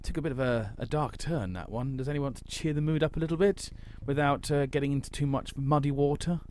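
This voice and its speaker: A man's voice: fairly high pitch, fast talker, darkish tone, a little hiss or hum. A man of around forty, co-hosting a casual chat and telling stories in a wry, hesitant way with many ums. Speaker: podcast co-host.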